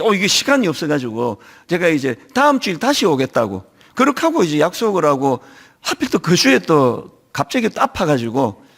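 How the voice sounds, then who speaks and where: A middle-aged male pastor preaching in church, his voice sitting very high and swinging widely as he tells his stories. There is a gravelly edge to it, and a touch of a lingering cold. He acts out the people he quotes with plenty of energy. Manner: animated storytelling, acting out quoted voices. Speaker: senior pastor. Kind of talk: sermon.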